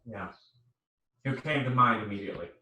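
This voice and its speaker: A man's voice: on the low side, fairly quick, bright, forceful tone. A man co-hosting a comedy podcast, reading fan fiction aloud and making wry, casual asides. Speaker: podcast co-host. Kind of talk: comic reading and casual chat. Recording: echoey room, far from the mic.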